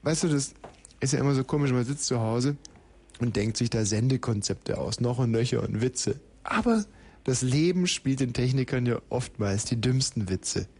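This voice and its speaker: A man's voice: mid-range voice, lively intonation, normal speed, a little mellow. A man hosting live radio, joking and laughing as he narrates the studio chaos play-by-play. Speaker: radio host.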